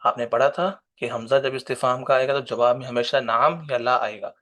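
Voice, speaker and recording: A man teaching a recorded Arabic lesson, reading each word slowly and carefully and then explaining it in another language, patient and step by step. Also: medium pitch, fairly even intonation, a bit bright. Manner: reads Arabic words slowly, then explains them in Urdu.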